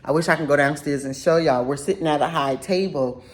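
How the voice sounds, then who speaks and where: A young adult woman tells a dramatic story on her casual storytime vlog, speaking a little fast. She is animated and profane, breaking into sudden high-pitched outbursts.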